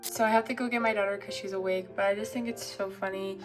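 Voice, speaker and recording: A woman's voice: medium pitch, steady tone, quick pace, over music. A young woman and mother chatting casually to the camera at home, rambling and giggling as she does chores. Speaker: vlogger and mother. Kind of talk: casual vlog chat to camera. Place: at home, indoors, in the kitchen.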